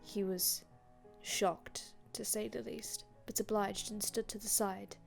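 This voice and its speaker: A woman performs an ASMR roleplay as a melancholy, otherworldly vampire from an older time, recounting old tales in a wistful, hushed storytelling mood. Her tone is level and breathy with little pitch swing and long dramatic pauses, her wording formal and antique, with soft music underneath.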